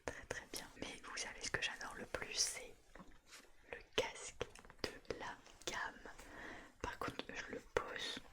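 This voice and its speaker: A woman softly whispering right in your ear in a casual ASMR show-and-tell, with a gushing, enthusiastic manner. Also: takes it slowly. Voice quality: soft, unvoiced whisper. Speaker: ASMR YouTuber.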